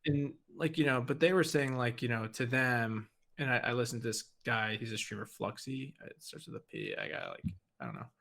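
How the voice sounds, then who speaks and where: A man in easy podcast chat, rambling along and leaning hard on "like" and "you know". His pitch sits in an ordinary middle range, and he talks in loose, run-on sentences. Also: big pitch swings, a little fast, gravelly, hardly any pauses, a bit bright. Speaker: podcast co-host. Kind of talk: casual chat.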